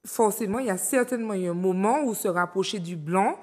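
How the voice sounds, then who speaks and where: A measured, reflective woman from Martinique who hosts a studio discussion and reads out viewer comments. Her voice sits at a middle pitch for a woman. A long reverb trails behind her words. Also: a little mellow. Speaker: talk show host.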